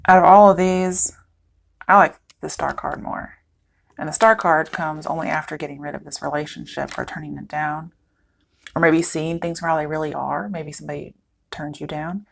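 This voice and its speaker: A woman giving a casual, chatty tarot reading to her viewers, thinking aloud as she goes, her voice cracking at times. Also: deep voice. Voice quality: voice cracking, throat clearing. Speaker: tarot reader.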